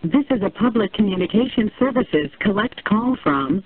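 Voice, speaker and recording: A man's recorded collect-call announcement, formal and measured, played over a phone line. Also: high-pitched, expressive.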